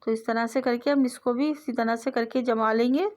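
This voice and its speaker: A woman hosting a sewing tutorial, explaining each step patiently in a voice-over and repeating her phrases. She often lets her voice trail off softly at the end of a step. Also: a little high, fairly even intonation, moderate pace. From South Asia. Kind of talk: instructional voice-over.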